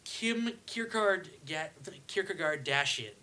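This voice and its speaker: A man's voice: fairly high pitch, a little slow. A man co-hosting a comedy podcast, chatting casually and animatedly, often laughing. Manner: animated, laughing, reads tweets aloud in joke voices. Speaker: podcast co-host.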